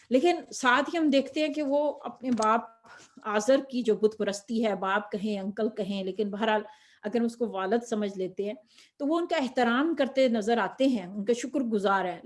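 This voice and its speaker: A woman's voice: a little high, darkish tone. A woman giving a religious lecture to other women, explaining step by step with rhetorical questions and slipping in English words. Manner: mixes Urdu with English words. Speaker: Quran teacher.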